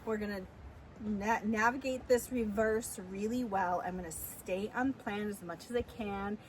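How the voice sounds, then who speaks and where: A woman's voice: medium pitch, unhurried, a little hiss or hum, low-quality recording. A woman talking candidly and chattily in a casual vlog, giving herself encouragement like a pep talk. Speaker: vlogger, amateur physique competitor.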